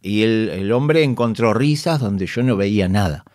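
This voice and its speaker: In a relaxed podcast conversation, a lowish-voiced man with a Rioplatense Spanish accent, an actor and comedian, shares backstage stories at normal speed. He's animated, imitates his colleagues' voices, and laughs a lot. It's captured on a studio microphone with studio quality and no room sound.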